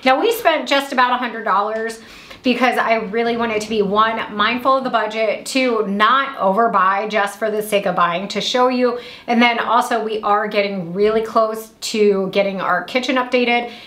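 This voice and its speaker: A woman in her thirties from Indiana, chatting upbeat at home through a grocery haul vlog, with quick asides. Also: a little high, fairly bright tone, echoey room. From Indiana, USA. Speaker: vlogger. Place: small room at home.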